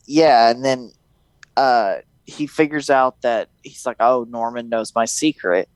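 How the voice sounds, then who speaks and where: A man casually chatting about a movie, animated and jokey, acting out lines in high voices. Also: a little slow, smooth, dry recording, low-quality recording. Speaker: podcast host.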